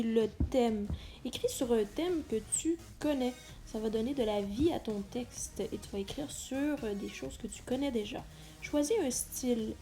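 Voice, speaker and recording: A woman's voice: high-pitched, mellow. A woman giving an explanatory lesson as a teacher, speaking directly to the listener and stressing key words. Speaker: teacher presenting an instructional video. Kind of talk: explanatory lesson addressed to students.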